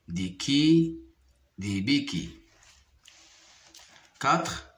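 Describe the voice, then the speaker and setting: A man with a Moroccan accent teaching a French phonics lesson, repeating each word slowly and carefully. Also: mid-range voice. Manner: slow, deliberate syllable-by-syllable repetition. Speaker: primary school French teacher.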